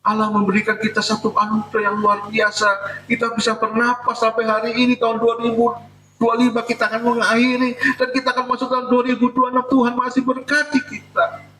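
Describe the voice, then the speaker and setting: A male pastor in a church preaches in a chatty, joking way and acts out people's complaints to God. His voice sits high and sounds bright and forceful. It carries the echo of a hall and is picked up from a distance. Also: monotone, fast talker, slight background noise. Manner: conversational preaching with jokes and acted-out prayers. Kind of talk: sermon.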